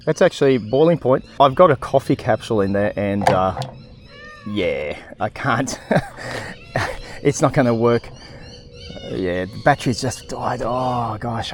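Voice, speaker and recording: A man with an Australian accent, chatting casually to camera as a cycling vlogger beside a river, relaxed and quick to laugh. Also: mid-range voice. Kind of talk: casual vlog chat to camera. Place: outdoors by a river. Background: faint outdoor ambience.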